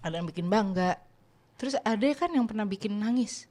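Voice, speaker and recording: A woman hosting a casual interview, lively and quick to laugh and react. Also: medium pitch. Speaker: interviewer host.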